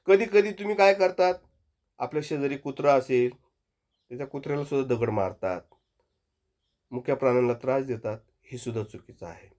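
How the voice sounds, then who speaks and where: A man's voice: medium pitch, fairly quick, pauses often. A man, a primary school teacher with a Marathi accent, tells a moral story to young children and asks them questions as he goes. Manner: expressive storyteller asking the class questions.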